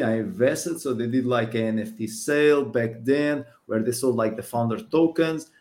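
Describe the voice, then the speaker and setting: A man's voice: medium pitch, darkish tone. A man co-hosting a gaming podcast, talking casually and with enthusiasm. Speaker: podcast co-host.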